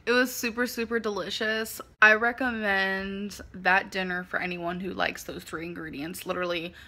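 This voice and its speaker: A woman vlogger chats casually and giggles while filming with her phone camera at arm's length, moving between a parked car, home and a store. Her mid-range voice is bright and forceful, with a steady tone at normal speed.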